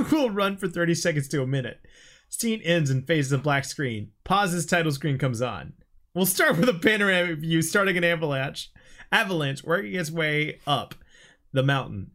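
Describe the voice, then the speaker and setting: A man's voice: on the high side, fairly bright tone. A young man co-hosting casually, swearing and laughing while he reads out an old screenplay he wrote. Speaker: co-host reading his old script. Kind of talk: casual chat and script reading.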